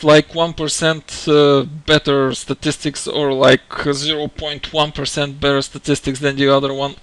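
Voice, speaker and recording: Exasperated man on an angry rant, higher-pitched voice. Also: fairly bright tone, smooth, dry recording, poor audio. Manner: exasperated, indignant, emphatic with repeated phrases. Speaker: gamer giving opinion on a game franchise. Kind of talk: angry rant, unscripted video commentary.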